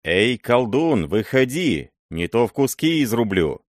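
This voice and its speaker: Hot-tempered young prince, barking orders, read by a man; low voice, dry read. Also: lively intonation, normal speed, dry recording, lightly acted. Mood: angry. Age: young adult. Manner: loud, imperious, shouting. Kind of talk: audiobook character voice.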